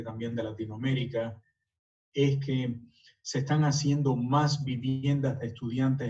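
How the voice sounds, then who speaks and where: Man in his sixties, born in Cuba, presenting slides in a hesitant way; warm tone, muffled far-off audio. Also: mid-range voice. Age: 60s. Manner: hesitant, many filler sounds. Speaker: architect giving a talk.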